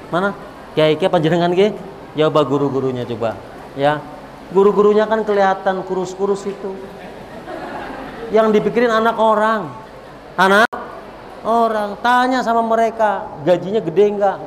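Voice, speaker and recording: A male preacher, preaching a lively sermon and calling out to the crowd. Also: sits high. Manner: animated, repetitive, calls out to the crowd. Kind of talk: religious sermon at a gathering. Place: large hall at a religious event. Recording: echoey hall, faint background noise.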